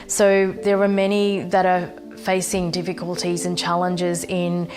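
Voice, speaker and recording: A young woman speaks in a lowish voice, stopping often on fillers and restarting her sentences. She gives a sincere personal talk recorded at home, with faint music in the background. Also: completely flat delivery, measured pace. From Fiji. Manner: hesitant, many ums and restarts. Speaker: social impact program manager.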